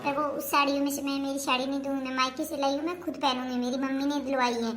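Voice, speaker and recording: A stubborn young daughter-in-law, acted by a woman in a home-made comic family skit, who keeps refusing in an insistent way. Her voice is high. A faint hum of ambient noise sits behind her. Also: level tone, fast talker, natural voice.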